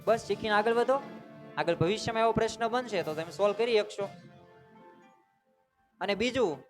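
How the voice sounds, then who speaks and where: A man's voice: sits high, normal speed, faint music behind. A man giving a motivational storytelling talk to students at a school. He keeps asking the audience questions and calls for them to answer. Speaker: motivational speaker. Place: school seminar hall.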